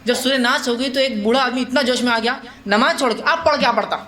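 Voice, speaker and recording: Guy preaching a religious talk, pretty high voice, chatty, keeps asking the crowd stuff. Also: fairly even intonation. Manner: conversational, asks the audience questions, mixes in English words; acts out quotes with laughter. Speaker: Islamic preacher. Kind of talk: religious lecture to a live gathering.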